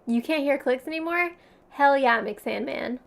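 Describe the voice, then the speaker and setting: A woman's voice: high-pitched, unhurried, gravelly. A young woman with a Valley Girl accent chatting casually as a livestream host, giggly and slangy, peppering her talk with "like". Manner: frequent "like" filler, slangy; giggly, laughs often between phrases.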